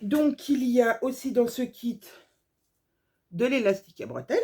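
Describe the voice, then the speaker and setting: A woman's voice: a little high, lively intonation, moderate pace, a little mellow. A woman sewing vlogger chatting casually through a haul video, gushing over small details with lots of fillers.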